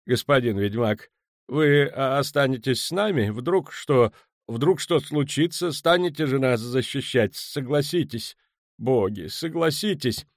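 A man voicing a frightened, pleading merchant who turns shrill and high-strung. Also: expressive, a little slow, no room sound, clean studio sound. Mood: panicky.

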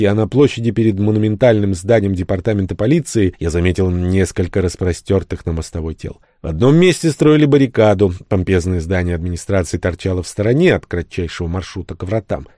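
A man reading a first-person story aloud expressively, with sudden jumps in pitch on emphasis. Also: warm tone, dry recording, clean studio sound. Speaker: audiobook narrator. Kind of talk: first-person audiobook narration.

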